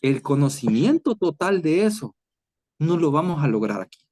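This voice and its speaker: A man's voice: on the high side, very animated, normal speed, a little mellow. Conversational man preaching to an online chat. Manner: acts out dialogue with Jesus and scripture. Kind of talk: online Bible teaching.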